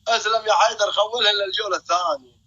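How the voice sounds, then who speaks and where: A man's voice: high-pitched, fairly even intonation, racing, sharp tone, breathy edge, highs cut off. A young man hosting a live stream. He jokes, boasts and keeps calling out to his viewers.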